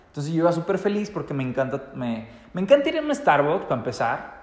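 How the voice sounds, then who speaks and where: Animated Mexican man, echoey room. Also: on the high side, quick pace. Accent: Mexican Spanish. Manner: animated, many fillers and restarts, addresses viewers. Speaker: vlogger. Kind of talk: casual storytelling to viewers.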